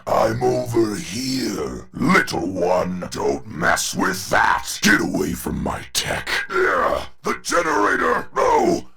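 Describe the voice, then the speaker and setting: Megalomaniac general, video game villain, hard forceful edge, huge swings in pitch, pompous, scornful, theatrical. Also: male voice, heavily acted. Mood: angry frustration. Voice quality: gravelly, forceful.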